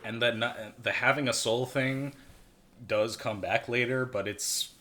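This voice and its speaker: A man's voice: mid-range voice, fairly even intonation, a little slow, pushed and bright. A man co-hosting a casual movie-review podcast, rambling and sarcastic with lots of fillers. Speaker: podcast co-host.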